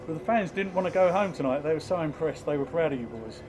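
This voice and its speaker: A man reporting from the stands with a somewhat high voice, chatty and prone to stumbling restarts. He holds the mic out toward his guest, off camera. Outdoor noise is clearly heard behind him. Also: lively intonation, fast talker, darkish tone, poor audio. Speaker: club TV reporter. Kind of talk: post-match interview questions. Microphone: handheld mic, off-camera.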